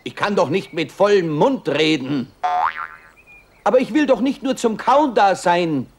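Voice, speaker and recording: A talking mouth, high voice, unhurried, cheeky, children's show. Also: male voice, lively intonation, background noise. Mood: eager, cheeky. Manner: playful, scolding, exclamatory. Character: chatty talking mouth, cheeky and eager to talk. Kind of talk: children's television acting.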